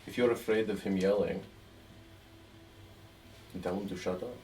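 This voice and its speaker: Stern, formal low-voiced man. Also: fairly even intonation, moderate pace, warm tone, distant mic. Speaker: player voicing his character. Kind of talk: in-character tabletop role-play.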